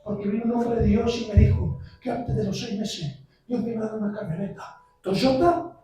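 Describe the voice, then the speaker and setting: A visiting preacher, a man, giving an impassioned sermon that builds to shouts. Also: high voice, moderate pace, distant mic, a little hiss or hum. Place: church sanctuary. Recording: very echoey church, heard from afar.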